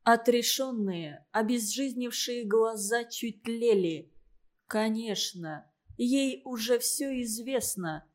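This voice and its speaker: A woman narrating a novel in a steady, even storytelling manner. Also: a little high, slow pace. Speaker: audiobook narrator.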